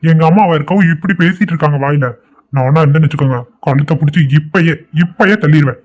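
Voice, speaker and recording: A man voicing a fast-talking exasperated son. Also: on the high side, highs cut off, natural voice. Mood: firm. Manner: firm, exasperated. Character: exasperated grown son dealing with family quarrel. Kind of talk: cartoon voice acting.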